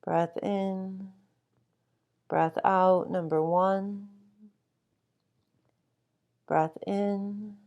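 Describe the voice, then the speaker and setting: Slow, low-pitched woman guiding sleep meditation. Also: clear, resonant tone, muffled recording. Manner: calm, soothing, unhurried instruction with long pauses. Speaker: meditation guide.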